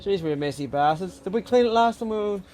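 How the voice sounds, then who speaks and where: A man's voice: high voice, lively intonation, quick pace, very noisy. A man with a broad New Zealand accent, chatting casually to camera as a vlog host in a laid-back, slangy, blokey way.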